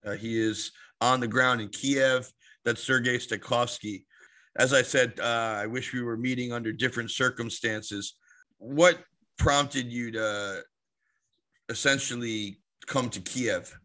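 A man's voice: medium pitch, fairly even intonation, a little slow, pushed and bright. A man hosting a podcast, introducing and interviewing, with a lisp that makes his s sounds slushy. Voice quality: lisping, slushy s sounds after oral surgery. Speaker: podcast host.

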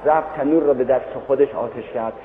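A male preacher telling a story in a sermon, emotional and rising to fervent exclamations, in a tinny, echoey hall recording. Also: medium pitch.

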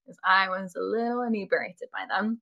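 A woman's voice: medium pitch, normal speed, gravelly, highs cut off. A woman co-hosting a podcast in casual, easygoing chat. She speaks in a plain, mid-range voice and laughs readily as she talks. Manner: relaxed, chatty, laughs often. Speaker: podcast co-host.

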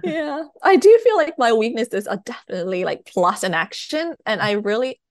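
Her voice sits on the high side with big pitch swings as this young Thai woman, a guest novelist speaking English as a second language, chats hesitantly at a moderate pace. Fillers and laughs run through the casual interview, recorded studio-clean with no room sound.

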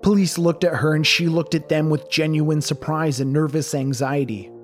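A man narrating a true crime story in a measured, dramatic scripted style. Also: a little high, steady tone, soft background music.

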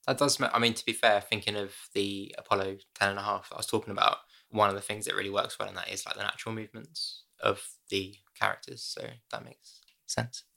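A man's voice: lowish voice, fairly even intonation, fast, gravelly, bright, forceful tone. A man co-hosting a casual podcast, laid-back and self-mocking, chuckling often. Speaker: podcast co-host. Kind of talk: casual chat.

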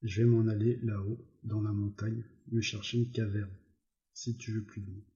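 A man's voice: on the low side, flat delivery, moderate pace, dark tone, reverberant, close to an everyday voice. A man reading aloud, voicing a simple-minded, childlike farm worker who pleads eagerly, on a slightly dull recording. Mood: pleading. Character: simple-minded hulking male farmhand, childlike.

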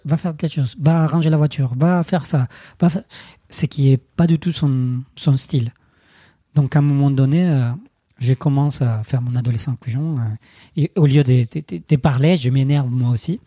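Husky, deep-toned man. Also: warm tone, no room sound, studio quality. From Colombia. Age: 30s. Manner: halting, many restarts and fillers. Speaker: guest. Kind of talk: personal storytelling interview.

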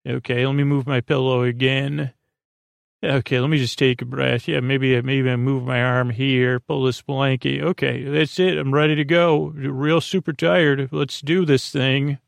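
On his sleep podcast, a man with a creaky, mid-range voice rambles through a bedtime monologue. His words come haltingly, with stammers and repetitions, in a level tone. There is no room sound in the recording.

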